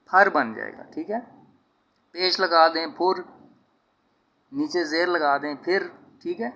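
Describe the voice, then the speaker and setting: Patient male tutor, slow and bright, on slightly dull audio. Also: on the high side, a little hiss or hum. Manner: patient, repeats letter sounds slowly, often says "theek hai". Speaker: Urdu writing teacher. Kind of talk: slide-based handwriting lesson.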